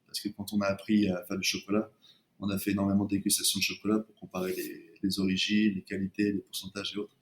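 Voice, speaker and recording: Hesitant man with a low voice. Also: monotone, fast talker, a little hiss or hum. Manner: hesitant, many restarts and fillers. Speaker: chocolate brand co-founder, guest. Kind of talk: casual interview talk.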